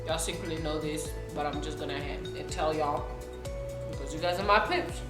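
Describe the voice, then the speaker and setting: Eating on camera, a young vlogger from South Sudan talks casually and keeps checking in with her audience. Her voice sits low at a moderate pace, and the roomy recording carries faint music behind her.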